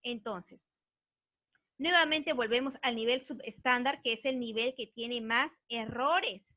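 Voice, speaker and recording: Woman, language teacher, higher register, dry sound, patient explaining tone. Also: unhurried, pushed and bright, no room sound. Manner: earnest, explains patiently, checks understanding with frequent tag questions. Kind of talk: recorded online grammar lesson.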